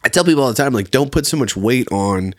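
A laid-back man in his thirties from Virginia, USA chats casually as a podcast guest, laughing often and swearing freely. He talks fast in an expressive, mid-range voice, recorded with clean studio sound and no room echo.

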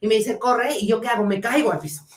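A woman with a Mexican accent, co-hosting a podcast and recounting a story in a relaxed, chatty way. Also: a little high, racing, roomy sound, a little hiss or hum. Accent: Mexican Spanish. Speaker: podcast co-host. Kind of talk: casual chat.

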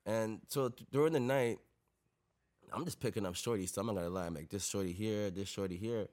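A man's voice: fairly low pitch, brisk, a little mellow. A young adult man, telling stories casually in street slang and repeating tag phrases. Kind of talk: casual anecdotal chat.

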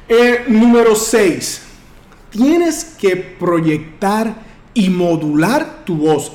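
A man coaching on public speaking, projecting his voice firmly with big deliberate swings in pitch. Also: a little mellow. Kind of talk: instructional talk to camera. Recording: roomy echo.

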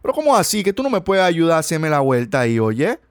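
A man voicing an insistent Cuban male caller who keeps making loud, pleading, repetitive demands, with a put-on Cuban accent. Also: a little high, sing-song, fast talker, no room sound, clean studio sound, pitched above the performer's own voice.

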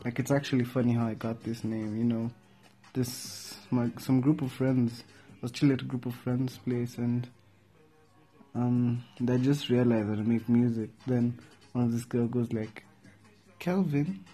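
A man's voice: mid-range voice, little pitch movement, moderate pace, warm tone, soft background music. A young man hosting a casual podcast, talking in a laid-back, slangy, rambling way with lots of fillers. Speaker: podcast host.

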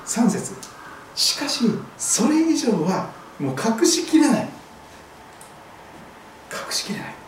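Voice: mid-range voice, sing-song, slow, pauses often, slight background noise. A pastor giving a sermon, telling a scripture story vividly. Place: church hall. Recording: very echoey hall, voice far from mic.

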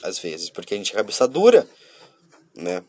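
A young man talking casually and openly to his viewers. He shifts between loud, lively bursts and quiet, subdued stretches. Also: sits low, moderate pace, no room sound. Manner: chatty, talks straight to viewers, often breaks off and restarts. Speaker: vlogger. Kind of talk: casual confessional monologue.

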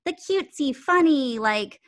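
An acting coach appears as a podcast guest, speaking earnestly and reflectively in a casual conversation with bursts of laughter. Her voice sits high and is animated, delivered at a measured pace.

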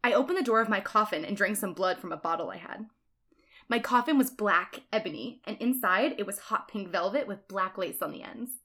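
Bright-voiced woman reading a story aloud. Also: mid-range voice, expressive, brisk. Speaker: reader. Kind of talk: reading a fan fiction aloud.

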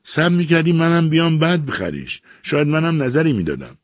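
A man's voice: a little high, expressive, dry recording, studio quality, pitched above the performer's own voice. A man putting on a fussy, gloomy older aunt. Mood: reproachful. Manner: fussy, complaining. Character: heavy, gloomy older aunt, nagging mother.

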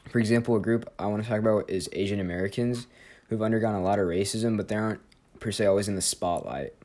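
A teenage boy with a fairly low, slightly mellow male voice talks fast while hosting a student podcast on a history topic. His casual presentation and interview rambles loosely, full of fillers and self-corrections.

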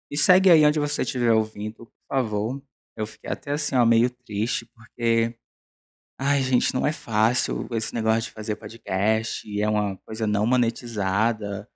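A Brazilian man with a hoarse smoker's rasp, hosting a solo podcast in a casual, rambling, self-deprecating, confessional way. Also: mid-range voice. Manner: self-deprecating, chatty, digressive.

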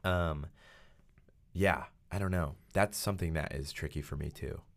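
This podcast host has a rumbling low voice and speaks at normal speed. He talks casually about faith with plenty of fillers, raising his voice to act out quotes.

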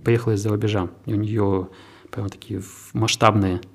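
Gravelly low-voiced man answering interview questions. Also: level tone. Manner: measured, businesslike, with restarts. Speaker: head of a tech park.

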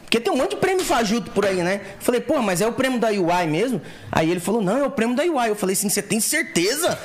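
A Brazilian man telling a story on a podcast, his voice sitting high for a man. He talks with animation and acts out the lines of the people in his story. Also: fast talker. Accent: Brazilian Portuguese. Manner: animated, acts out quoted dialogue. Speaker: guest, co-founder.

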